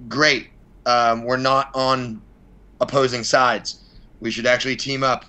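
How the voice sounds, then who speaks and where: Here a fight promoter chats on a podcast, giving blunt, opinionated answers that wander and include some mild profanity. He speaks at a medium pitch with little rise and fall, a touch slowly, in a pushed, bright voice.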